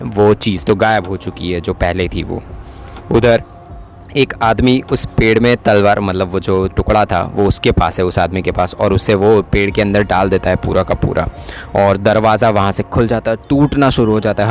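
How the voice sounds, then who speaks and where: Man, lowish voice, casual chatty episode-recap narrator. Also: moderate pace, faint music behind. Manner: chatty retelling with frequent tag questions. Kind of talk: casual Hindi plot recap.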